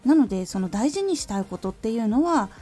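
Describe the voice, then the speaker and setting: A woman hosting a solo talk podcast, calmly and thoughtfully explaining her advice as a former voice actor. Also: a little high, fairly quick, husky, faint music behind. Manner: calm, reflective explaining. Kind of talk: solo talk radio monologue.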